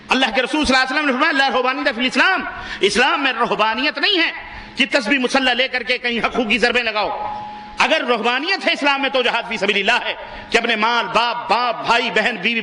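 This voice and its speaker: High-pitched fiery preacher, echoey. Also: male voice, pushed and bright. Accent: Pakistani Urdu. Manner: exhorting, rhetorical questions to the congregation; soars to high emphatic peaks. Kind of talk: impassioned sermon.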